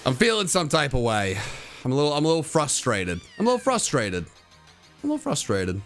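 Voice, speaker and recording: Animated streamer man teasing his chat. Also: mid-range voice, fairly quick, soft background music. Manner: repeats phrases, sing-song muttering. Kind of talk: live stream chat with viewers.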